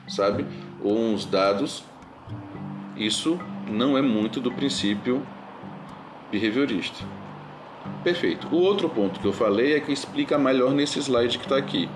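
A man's voice: fairly low pitch, echoey room. A man teaching an online lecture in a patient, reassuring manner and answering students' questions.

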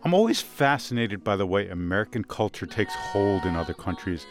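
A man's voice: fairly low pitch, sing-song, brisk. A man hosting a music podcast, introducing guests and asking curious questions in a radio studio. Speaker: podcast host.

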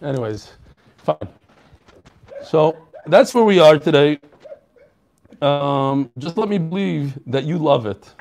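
A man giving a casual daily Talmud class, joking and animated, often restarting and correcting himself, with Hebrew and Yiddish terms mixed in. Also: fairly high pitch, takes it slowly, pauses often, muffled recording. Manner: frequent restarts and self-corrections. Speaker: Talmud teacher.

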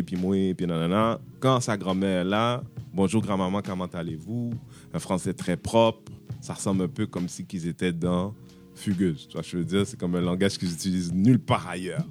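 A man hosting a casual podcast chat, asking questions and slipping into English phrases. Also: low-pitched. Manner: conversational, asks questions, switches into English phrases. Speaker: podcast host.

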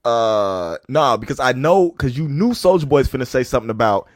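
A man's voice: medium pitch, normal speed. A man co-hosting a loose podcast chat, telling stories with frequent restarts. His voice rises and falls a lot as he talks, and it sounds close and dry, with no room echo. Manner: animated storytelling with many restarts. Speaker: podcast co-host. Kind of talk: casual chat.

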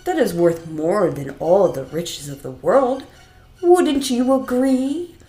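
A woman putting on a slow, booming, ominous male genie. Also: expressive, mellow, echoey room, faint music behind. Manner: slow, drawn-out, booming warnings.

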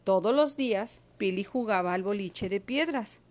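A woman's voice: mid-range voice, animated, moderate pace, a little mellow. Woman reading a storybook aloud expressively.

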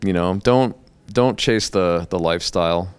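A man's voice: sits low, normal speed, clean tone, dry recording. A middle-aged man talking casually as a podcast guest, blunt and joking, swearing now and then. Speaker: guest, hair educator.

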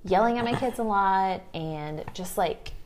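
A woman's voice: medium pitch, unhurried, darkish tone. A woman in her thirties co-hosting a parenting podcast, talking in a rambling, casual way with lots of fillers. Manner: chatty, rambling with many fillers. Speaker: podcast co-host. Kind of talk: casual chat.

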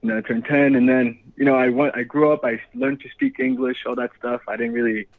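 A man's voice: mid-range voice, expressive, a little fast, creaky, no room sound. Laid-back young man on a phone line. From Dominican Republic. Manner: laid-back, laughs often, many fillers. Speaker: guest actor. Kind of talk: casual interview.

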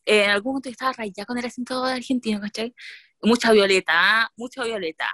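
A young Chilean woman chats with her sisters in a bright, slightly high register. She tells her anecdotes in a lively way, with slang and laughter. Her voice sounds dry and close, with no room around it. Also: quick pace, no room sound. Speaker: podcast co-host. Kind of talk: casual chat among sisters.

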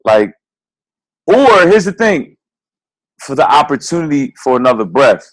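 A man's voice: fairly high pitch, big pitch swings, unhurried, rough recording. A man in his twenties co-hosting a podcast, talking in a heartfelt, motivational way with casual slang. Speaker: podcast co-host.

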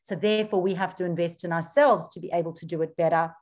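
A middle-aged woman with a South African accent softened by years in Australia, speaking a little low. She explains things earnestly as a podcast guest, stopping now and then on small ums. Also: steady tone, fast. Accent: South African mixed with Australian. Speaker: podcast guest, social media coach. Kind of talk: interview answers.

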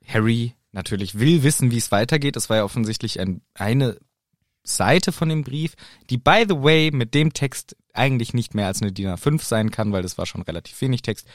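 Lively German man chatting casually. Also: mid-range voice, moderate pace, no echo, studio quality. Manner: animated, jokey. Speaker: podcast co-host. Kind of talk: casual chat retelling a book.

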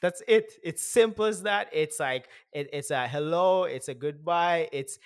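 A man's voice: on the high side, unhurried, clear, resonant tone, dry recording, clean studio sound. A man hosting a podcast in a casual, rambling way, repeating phrases for emphasis. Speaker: podcast host. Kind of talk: casual chat.

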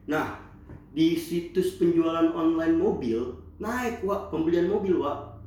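A man's voice: fairly high pitch, slow, a little mellow. A young man with a Jakarta Indonesian accent, joking and cutting in during slangy casual banter. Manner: joking, interjecting. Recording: very echoey room, faint noise.

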